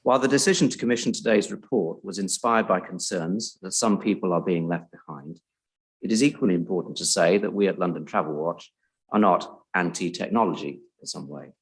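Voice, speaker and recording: A man giving a measured, formal prepared speech at a public event, introducing a report. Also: sits low, breathy edge, poor audio.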